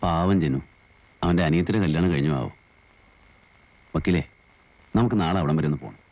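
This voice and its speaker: A brooding male lodger with a very deep, subdued voice, slightly dull and lo-fi in an old 1980s film soundtrack. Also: moderate pace, a little mellow, dry recording. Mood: wistful.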